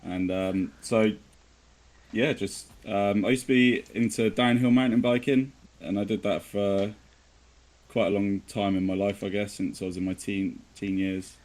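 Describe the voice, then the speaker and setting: Low-pitched man with a West Country accent. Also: fairly even intonation, a little slow, a little mellow. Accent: English West Country. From southwest of England. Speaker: podcast guest. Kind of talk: casual chat.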